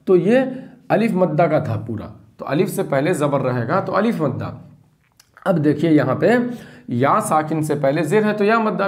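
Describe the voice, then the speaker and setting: A middle-aged man teaching Quran reading, patiently repeating rules and drawing out spelled syllables. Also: a little high. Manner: patient, repetitive, drawn-out syllables. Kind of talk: spelling-out lesson.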